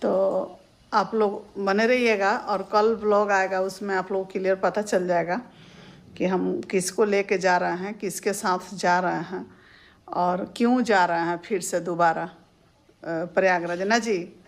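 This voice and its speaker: A woman, talking to her viewers in a casual vlog and giving earnest advice in a steady, homely way. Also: mid-range voice, a little slow. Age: 50s. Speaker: family vlogger, mother-in-law.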